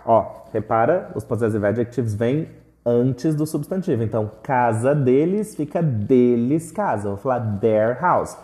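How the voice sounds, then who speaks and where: Man teaching English, native Portuguese speaker, lively pitch, mellow dark voice, repeat-after-me drills. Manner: speaks English slowly and deliberately for learners to repeat; switches to quick, lively Portuguese explanation.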